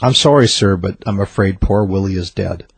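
A man voicing a calm young biologist speaking plainly and patiently in a joke. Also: deep voice, moderate pace, gravelly, husky, dry recording, full character voice. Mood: matter-of-fact. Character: calm, matter-of-fact young male biologist.

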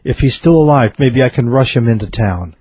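A man voicing a frantic old gentleman who stammers and begs for help in a joke. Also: expressive, a little fast, slightly rough, no echo. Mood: pleading. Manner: stammering, high and urgent. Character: frantic pleading old gentleman, grieving his dog.

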